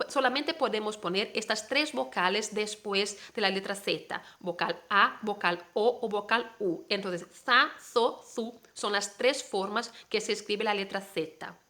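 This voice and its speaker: Woman teacher, slow and bright, patient step-by-step explainer. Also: fairly high pitch. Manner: patient, explains step by step, spells words letter by letter; checks in with rising "¿sí?" tags. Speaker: Spanish teacher. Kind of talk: online language lesson.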